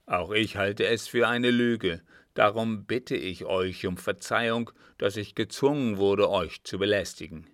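A proud desert sheik barks his words, loud, harsh and threatening, as a male storyteller puts him on. The voice sits low and the sound is close and dry. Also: a little slow, few pauses, no room sound. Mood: addressing crowd.

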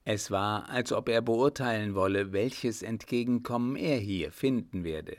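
A man reading a classic novel aloud as an audiobook narrator, measured and even. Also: on the low side, no echo, clean studio sound. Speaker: audiobook reader.

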